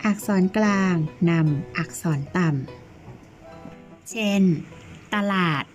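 Teacher, female, unhurried, coaxing children's lesson delivery over a music bed. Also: fairly low pitch. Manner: slow, coaxing questions to young pupils. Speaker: primary school teacher.

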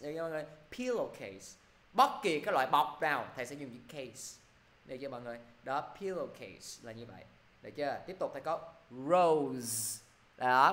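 A man's voice: a little high, fairly bright tone. Man teaching pronunciation. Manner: repeats "được chưa" constantly, drills words slowly. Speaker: English teacher. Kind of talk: online pronunciation class.

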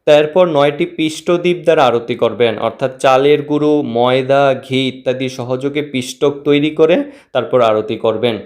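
A man explaining a home worship ritual step by step, reciting Sanskrit mantras in a measured, steady way. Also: mid-range voice. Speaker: religious instructor.

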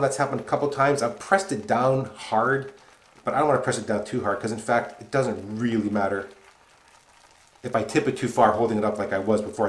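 A man from North Carolina reviewing shaving products in a relaxed, chatty way, with frequent fillers and asides. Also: on the low side. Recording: echoey room.

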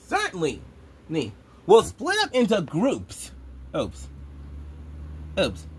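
A woman voicing a cheerful tomato character who leads his friends in a fan-made puppet show, talking haltingly with many restarts. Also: lowish voice, huge pitch swings, slight background noise, exaggerated voice. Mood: bossy.

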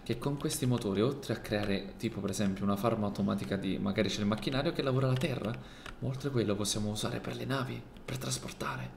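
Gravelly young man roleplaying. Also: fairly low pitch, quick pace. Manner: animated, joking, excitable. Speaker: streamer playing a mayor in a roleplay server. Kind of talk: casual roleplay gameplay. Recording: echoey room, faint background noise.

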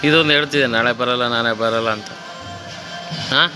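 A man's voice: medium pitch, fairly quick, over music, low-quality recording. A male fitness trainer coaching a client through a gym workout, encouraging her, counting reps and cueing her breathing.

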